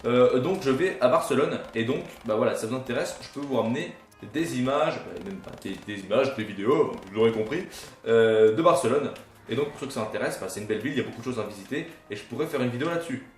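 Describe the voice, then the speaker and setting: A man's voice: mid-range voice, expressive, fast talker, far from the mic. A young man giving casual gameplay commentary as a gaming YouTuber, rambling and self-mocking with casual swearing. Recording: roomy, off-mic, faint game music.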